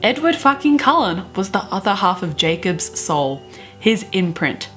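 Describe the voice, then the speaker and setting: Faint music plays behind a twenty-something book vlogger reading fan fiction in her bedroom. Her mid-range voice is sing-song, unhurried, and fairly bright, and she reads theatrically with giggles and chatty, gushing asides.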